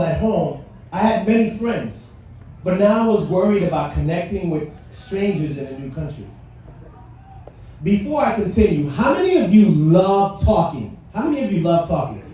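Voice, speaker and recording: A middle-aged man from Haiti, a native French speaker, addresses a live audience at a civic event with a motivational speech, mixing in questions and playful asides. His voice is high-pitched yet dark in tone. The sound is echoey and faintly noisy, taken from a distant mic in a large venue.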